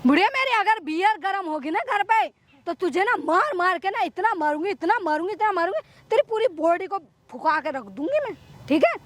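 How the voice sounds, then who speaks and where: A woman's voice: very high voice, lively intonation, a little fast, fairly bright tone. A woman playing a cruel, greedy young daughter-in-law who scolds and threatens her mother-in-law in a staged outdoor skit by a river. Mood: threatening. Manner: scolding, threatening, repeating orders.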